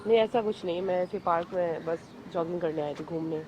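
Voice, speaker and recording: A woman's voice: lowish voice, brisk, darkish tone, slight background noise. A woman in a casual street conversation outdoors in a park, skeptical and questioning. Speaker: prank target.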